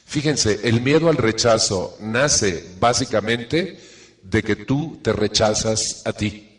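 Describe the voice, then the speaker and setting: A man's voice: fairly low pitch, slow pace, big-room sound. A middle-aged man, giving an earnest self-help talk to a live audience and checking in with rhetorical questions.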